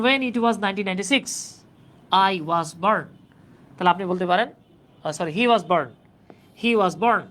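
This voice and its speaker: A grammar teacher with a medium-pitched, fairly bright voice runs a live online class for job exam prep. The teacher is patient and repetitive, going over points again and continually checking that students follow.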